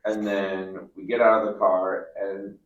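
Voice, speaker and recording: A young man, a storm chaser, reminiscing in casual chat, halting and repeating words as he recalls. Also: on the low side, level tone, echoey room, lo-fi sound.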